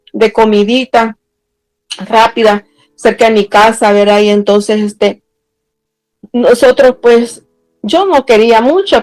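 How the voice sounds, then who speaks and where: A woman's voice: a little mellow, no echo, poor audio. A middle-aged woman, giving a personal testimony sermon in an earnest way, drawing out words as she stresses a point. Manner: earnest, slows down and rises in pitch when stressing a point. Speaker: preacher.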